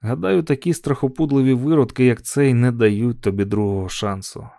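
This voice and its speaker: Man narrating a story in a dark voice. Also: medium pitch, moderate pace, gravelly, no echo, clean studio sound. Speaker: audiobook narrator. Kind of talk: scripted audiobook narration.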